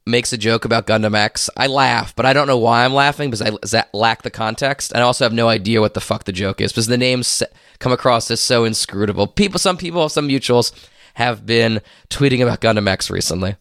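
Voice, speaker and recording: A man's voice: medium pitch, fairly quick, vocal fry, a bit bright, no echo, studio quality. A man with a congested, nasal voice, slightly under the weather, hosting a casual podcast. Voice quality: stuffy-nosed, nasal. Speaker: podcast host. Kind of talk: casual podcast chat and episode recap.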